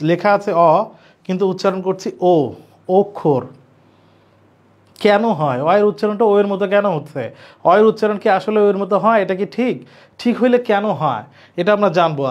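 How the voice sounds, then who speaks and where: Repetitive high-voiced male teacher. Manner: explains slowly with many repetitions and questions to students. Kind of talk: online grammar lecture. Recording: dull lo-fi recording.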